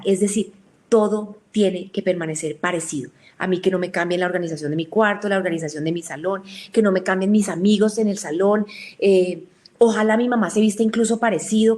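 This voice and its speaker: A woman's voice: mid-range voice, a little mellow. A woman giving an explanatory talk, who illustrates points with examples and acted-out quotes. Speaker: lecturer.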